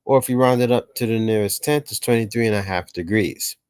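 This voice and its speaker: A man's voice: on the low side, a little fast, darkish tone, clear, resonant tone, no room sound. A man explaining a science reference table as a teacher, talking casually and often checking in with "okay" and "right". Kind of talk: explainer lesson narration.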